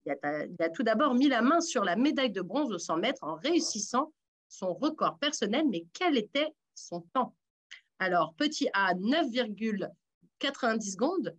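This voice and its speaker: A woman hosting a radio sports quiz in a lively, teasing way, encouraging the contestants. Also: a little high, normal speed. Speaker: quiz host.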